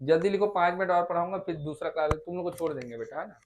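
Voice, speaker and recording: A man's voice: on the high side, fast, a little hiss or hum. A man with a Chhattisgarh Hindi accent teaching a classroom lesson, coaxing his students and sounding out vowels again and again to check they follow. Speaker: Hindi tutor.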